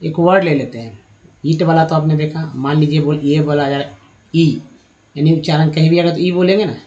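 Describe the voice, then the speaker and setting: A man teaching English reading and pronunciation in a spoken lesson, slowly spelling out words letter by letter and repeating them. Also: on the high side, steady tone, mellow, highs cut off. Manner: slow, repetitive, spells out letters one by one.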